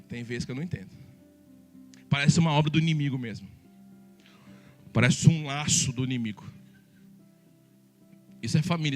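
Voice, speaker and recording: A male pastor preaching a sermon, lively and joking, speaking straight to the congregation. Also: mid-range voice.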